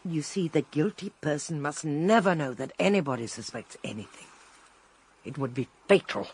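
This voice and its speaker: A sharp-minded lady sleuth in a 1920s country-house radio mystery. Her husky voice swings widely in pitch, with a cool, knowing and decisive delivery. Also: expressive, normal speed, exaggerated voice. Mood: confiding. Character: shrewd, dry-witted woman sleuth in a 1920s country house. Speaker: amateur detective. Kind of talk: 1920s radio drama acting.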